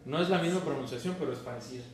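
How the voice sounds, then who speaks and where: A man from northern Mexico with a northern Mexican accent, teaching a class, joking and calling on students by name while repeating sounds slowly. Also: medium pitch, far from the mic, noisy background. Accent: northern Mexican Spanish. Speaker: Esperanto teacher. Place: university classroom. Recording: very echoey classroom taped from afar.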